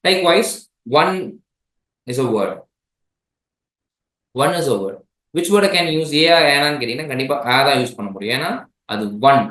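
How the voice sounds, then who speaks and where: A man with a Tamil accent teaches an exam-prep grammar lesson, switching between languages and often checking in with students using "right?". His medium-pitched voice is a bit bright, with lively intonation at a measured pace. The sound is roomy and the audio poor.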